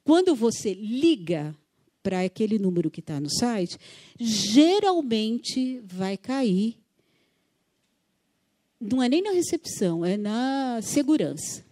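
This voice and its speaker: Mellow-voiced woman leading a workshop. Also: a little high, very animated, slow. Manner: acts out phone dialogues with voice shifts; conversational, repeats words for emphasis. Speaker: workshop speaker on fundraising. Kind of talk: lively workshop talk. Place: church workshop audience.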